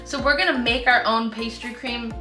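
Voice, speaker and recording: A woman's voice: fairly high pitch, fairly even intonation, normal speed, pushed and bright. A woman co-hosting a casual home cooking video, chatty and explaining the recipe plainly. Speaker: co-host. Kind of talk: casual chat. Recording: roomy echo, light music.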